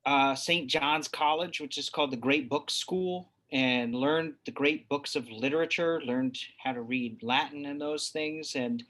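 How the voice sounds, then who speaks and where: A man's voice: a little high, steady tone, measured pace, hardly any pauses, fairly bright tone. A man from New Hampshire speaking as an interview guest, searching for his words with frequent restarts. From New Hampshire, USA. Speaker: guest, father. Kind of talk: reflective interview talk.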